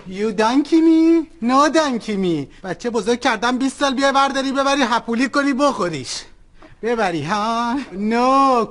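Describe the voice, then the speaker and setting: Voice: medium pitch, lightly acted. A performer playing an overprotective older mother with a Persian accent in a comedy sketch, talking bluntly in broken English mixed with Persian.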